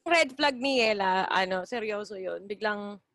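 A young woman chatting casually with friends, playful and quick to laugh and agree. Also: mid-range voice, fairly bright tone, no echo, clean studio sound. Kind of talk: casual chat among friends.

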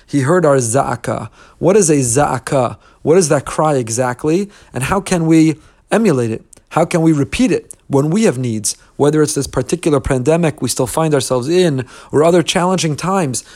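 A man's voice: on the high side, darkish tone. A middle-aged man giving an audio lesson on prayer, explaining earnestly with rhetorical questions and Hebrew terms. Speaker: rabbi teaching prayer.

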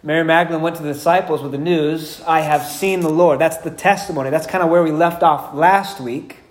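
A man's voice: on the high side, fairly even intonation, brisk. A man preaching a sermon as pastor, telling stories with humor and acting out the quotes. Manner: storytelling, acts out quotes with humor. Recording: echoey room.

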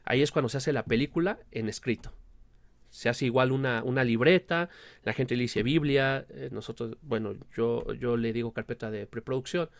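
A man's voice: medium pitch, normal speed, gravelly, no room sound. Mexican man who can't pronounce his Rs. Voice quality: speech impediment, cannot pronounce the R sound properly. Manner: explanatory, often checks with "¿no?". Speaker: guest, film producer and director. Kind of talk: casual interview talk.

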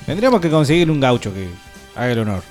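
A man with an Argentine accent hosting a joke show, reading listener jokes with quick reactions. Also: medium pitch, big pitch swings, darkish tone, soft background music. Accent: Argentine Spanish. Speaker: radio host. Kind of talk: casual banter.

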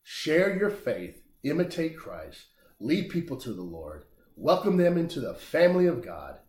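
A man's voice: fairly high pitch, unhurried. Guy preaching, voice swoops all over, echoey room, emphatic. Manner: animated, emphatic preaching with big swings in loudness. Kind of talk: sermon.

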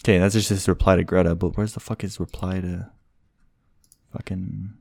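Low-voiced young man, rambling casual chat. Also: little pitch movement, moderate pace, creaky, darkish tone, dry recording. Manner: rambling, swears often, laughs a lot. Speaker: podcast co-host.

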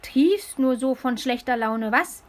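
A woman's voice: sits high, expressive, a little slow. A woman voicing a plump, cheeky female luck fairy in a storybook reading, with a sing-song, teasing manner.

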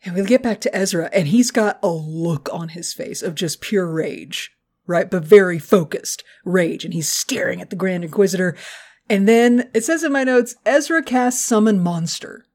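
Animated woman co-hosting a podcast. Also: medium pitch, moderate pace. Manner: animated, profane and joking. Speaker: podcast co-host. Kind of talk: casual chat recapping a cartoon episode.

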